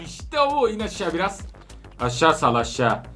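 An adult parent doing excitable gameplay commentary while playing with their daughter, laughing and calling out often. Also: mid-range voice, moderate pace, faint music behind. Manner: animated, laughing, frequent outbursts. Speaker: let's-play gamer playing with their daughter.

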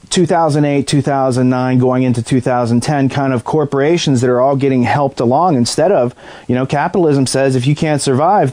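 Man, interview guest, run-on explanations, mellow. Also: mid-range voice. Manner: long run-on explanations with repeated restarts. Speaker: whistleblower interviewee. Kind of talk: earnest interview answers.

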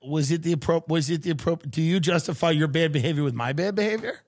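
Podcast host, male, slightly high voice, lecturing tone, stammers and restarts, mimics others mockingly. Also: quick pace. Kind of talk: casual chat.

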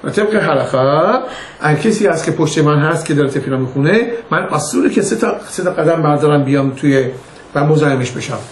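A man's voice: on the high side, expressive. An older man, a rabbi, giving an informal religious lesson in a conversational way, telling stories and acting out their dialogue. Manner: conversational, anecdotal, acts out quoted dialogue. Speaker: rabbi teaching a class. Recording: echoey room with faint noise.

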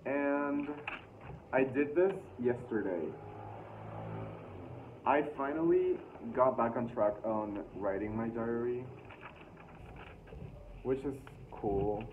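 A man's voice: medium pitch, slow pace, long pauses. A young man casually reading his own diary aloud with embarrassed, self-mocking asides, like a vlogger talking to the camera. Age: young adult, early twenties. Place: small room indoors. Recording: thin phone-like sound with loud noise.

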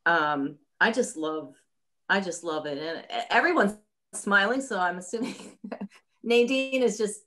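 A woman running a yarn business, explaining things in a casual chat over a video call, slow and thoughtful, with many pauses and restarts. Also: mid-range voice, sharp tone. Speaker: yarn company owner hosting a subscription chat.

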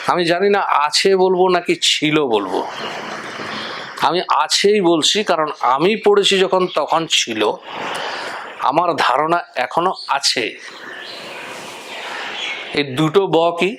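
Man teaching Bengali letters, high voice. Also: fairly bright tone, slight background noise. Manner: measured, explanatory, lists examples one by one. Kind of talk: spoken lesson on pronunciation.

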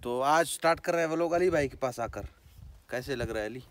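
A man's voice: mid-range voice, fairly quick. A man from Pakistan, a vlogger chatting casually with friends, who keeps breaking into giggles. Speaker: vlogger starting the day's vlog. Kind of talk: casual vlog chat with friends.

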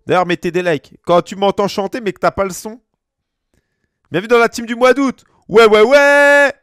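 A man's voice: sits high, a little fast, no echo, clean studio sound. A man in his thirties from France, streaming a football game and bantering with his chat in slangy, joking asides. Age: 30s. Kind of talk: casual gaming stream chat.

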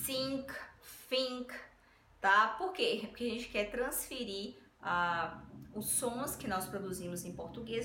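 A woman with a bright, fairly high voice gives an upbeat, step-by-step pronunciation lesson. She keeps checking in with her listeners as she goes. The sound bounces around an echoey room. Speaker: English teacher. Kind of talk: casual video lesson on pronunciation.

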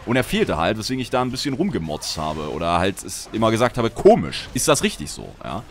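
A man from Germany chatting casually while streaming a game, reading out chat messages and swinging between grumbling and excited outbursts. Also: on the low side, a little fast, slight background noise. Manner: reads out chat messages and answers viewers. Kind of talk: casual livestream gameplay chat.

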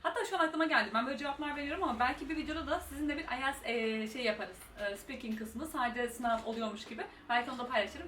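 A young woman giving casual exam-speaking tips as a tutor, talking fast and chatty with many fillers. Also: high-pitched, a bit bright. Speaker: IELTS tutor and YouTuber. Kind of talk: casual advice vlog. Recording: roomy echo, mic at a distance, faint room noise.

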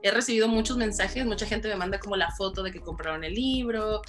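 A woman's voice: medium pitch, fast talker, soft background music. Earnest woman author telling her story. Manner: earnest, animated, laughs easily. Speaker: author guest. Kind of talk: personal interview answers.

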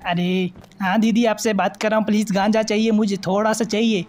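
A man voicing a small-time male gangster in a mobile game who begs and then threatens, with a slow, whiny delivery. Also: high-pitched, little pitch movement, a little mellow, close to an everyday voice. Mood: pleading.

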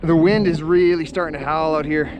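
High-voiced man fishing from a kayak. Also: fairly quick, muffled recording. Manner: excited, breathless exclamations while landing a fish. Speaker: fishing vlogger. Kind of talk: outdoor fishing vlog, talking to camera. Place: on a kayak on a lake, outdoors in the wind. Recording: faint wind noise on the mic.

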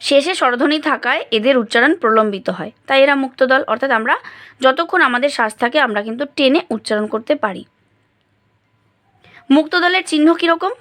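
A woman's voice: high-pitched, brisk, fairly bright tone. A woman teacher giving a grammar lesson to students, patiently explaining step by step and sounding out words syllable by syllable.

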